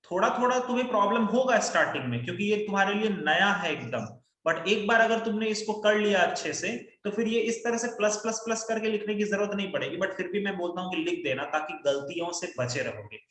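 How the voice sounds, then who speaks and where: Man teaching maths, high voice, echoey room, keeps prompting students to answer. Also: expressive, quick pace, hardly any pauses, a bit bright. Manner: coaxing students to answer aloud. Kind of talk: online class lecture.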